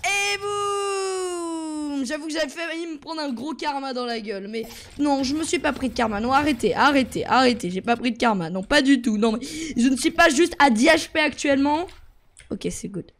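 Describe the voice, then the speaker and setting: A young man giving excitable gameplay commentary as a YouTuber, jumping between yelps and muttering to himself. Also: very high voice, brisk, a little hiss or hum. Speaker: gaming YouTuber.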